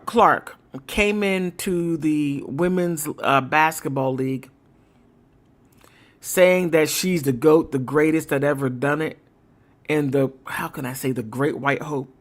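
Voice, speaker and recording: A livestream host rambles through political commentary at an unhurried, deliberate pace. The delivery is emphatic and casual, with laughter now and then. The voice sits at a mid pitch.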